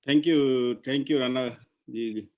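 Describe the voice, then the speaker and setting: A man from Nepal, giving halting guest remarks on a video call, with many pauses and restarts. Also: mid-range voice, fairly even intonation, darkish tone. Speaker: guest speaker. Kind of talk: virtual meeting remarks.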